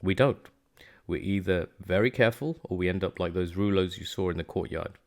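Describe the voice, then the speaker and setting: A man's voice: low-pitched, fairly quick, darkish tone. A man voicing a blunt foreign male exile with a dry, sardonic manner. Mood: wry.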